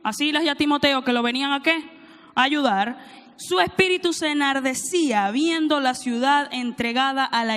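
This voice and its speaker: A woman preacher with a high voice delivers a sermon, reading verses aloud and asking the congregation to answer back. Her voice carries a long, ringing church reverb. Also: a bit bright. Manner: reads scripture aloud, prompts congregation to answer. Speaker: preacher, church teaching director.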